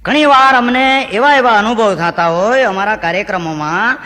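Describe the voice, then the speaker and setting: High bright guy telling jokes on stage, loud echoey hall, acts out the hecklers. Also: normal speed, slight background noise. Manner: animated joke-telling, shouts out the heckler's lines. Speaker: stand-up comedian. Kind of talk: Gujarati folk stand-up storytelling. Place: stage with live audience.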